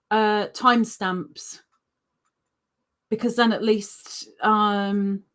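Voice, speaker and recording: A woman's voice: medium pitch, fairly bright tone. A woman hosting a crochet livestream, chatting casually and reading viewer comments aloud, rambling with ums and self-corrections.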